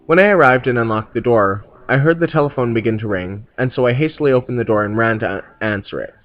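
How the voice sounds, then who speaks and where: A man reading a horror story aloud in measured scripted narration. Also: medium pitch, dull audio.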